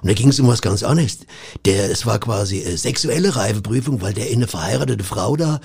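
A man's voice: lowish voice, animated, a little fast, gravelly, a little mellow, breathy edge. A man doing comedy banter, telling meandering, muddled stories.

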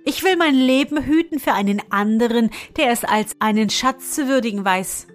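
A woman's voice: on the high side, unhurried, faint music behind, natural voice. A woman voicing a proud young princess who laughs and boasts, with a touch of mockery, in a storybook reading. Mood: offended. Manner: bright, merry, a little mocking.

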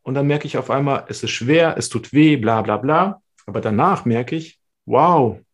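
A man talking as a podcast guest, animated and quick in bursts, in casual conversation. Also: mid-range voice.

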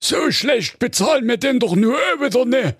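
A man voicing a bumbling, slow-witted fairy-tale brother in a Saxon accent, whiny and dawdling, for a comic audio story. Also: extremely high pitch, animated, fairly bright tone, slightly rough, dry recording, clean studio sound, pitched above the performer's own voice, heavily acted. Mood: indignant. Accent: Saxon German.

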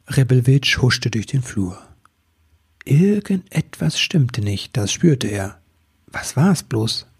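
Slowly and calmly, a man narrates a children's Christmas tale with expressive storytelling. Throughout, his middle-pitched voice sounds notably husky and breathy.

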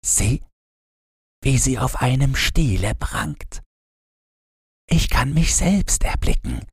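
A man's voice: mid-range voice, animated, slow, husky, no echo, studio quality, pitched above the performer's own voice, heavily acted. A man voicing a dreamy, vain lily. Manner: soft, dreamy, self-absorbed. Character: a vain, self-admiring lily flower.

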